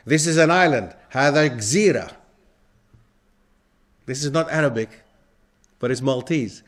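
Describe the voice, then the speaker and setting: A man giving an interactive lecture to a live audience, often stopping to put questions to the listeners. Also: on the high side. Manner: quizzes the audience with frequent questions. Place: lecture hall.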